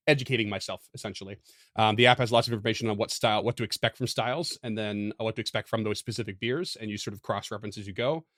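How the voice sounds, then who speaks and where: A man's voice: lowish voice, a bit bright, dry recording, studio quality. A man co-hosting a podcast, talking casually with many fillers and restarts, laughing often. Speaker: podcast co-host. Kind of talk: casual chat.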